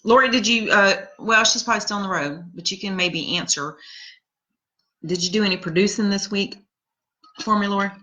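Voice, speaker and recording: A woman's voice: mid-range voice, brisk, bright, forceful tone, rough recording. A woman in her forties hosting a casual live chat, rambling through funny family stories and laughing at them. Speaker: podcast host reading live comments.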